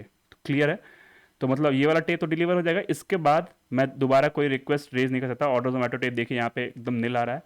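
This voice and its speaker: Man, tutorial presenter, fairly high voice, explains an app step by step, reads screen text slowly. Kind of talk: screen-recorded app walkthrough.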